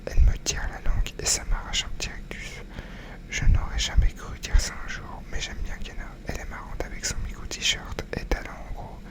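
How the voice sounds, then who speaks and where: An ASMR narrator reads a novel entirely in whispers. The delivery is soft and breath-only, unhurried like a bedtime story, now and then tripping on a phrase and reading it again. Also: low-quality recording.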